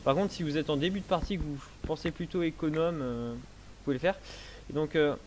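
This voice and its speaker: A man's voice: fairly high pitch, darkish tone, slight background noise. Hesitant young man explaining gameplay. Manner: hesitant, many fillers, explaining slowly. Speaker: let's play host. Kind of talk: casual gameplay commentary. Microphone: headset.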